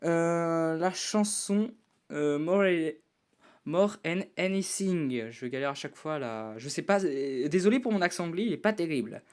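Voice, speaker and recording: A man's voice: on the high side, animated, moderate pace, a little mellow, clear, resonant tone. A man giving casual tier-list commentary on songs, hesitant with many restarts, with bursts of enthusiastic verdicts. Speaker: youtuber ranking songs.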